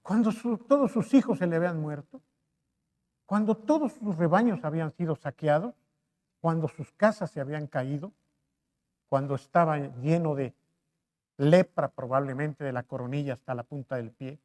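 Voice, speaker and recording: A man's voice: a little high, moderate pace, a little mellow. A man preaching a sermon with impassioned delivery, building to fervent pleas and repeating phrases. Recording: reverberant church hall.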